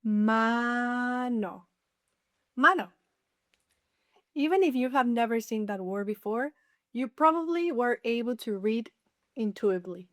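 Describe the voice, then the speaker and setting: A woman teaching a beginner Spanish lesson, saying each word slowly and clearly and repeating it. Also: fairly high pitch, animated, no room sound, clean studio sound. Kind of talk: slow scripted language lesson.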